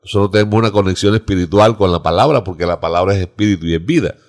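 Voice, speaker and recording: A man's voice: low voice, rapid-fire. A man discussing scripture in a reflective, devout teaching tone on a church discussion show. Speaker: pastor. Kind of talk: Bible study discussion.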